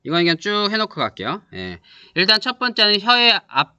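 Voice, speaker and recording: A man teaching a class, explaining step by step, checking understanding with quick questions and demonstrating sounds aloud. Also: sits high, huge pitch swings, pushed and bright, smooth, no room sound. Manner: models vowel sounds aloud for students to repeat. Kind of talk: classroom lecture.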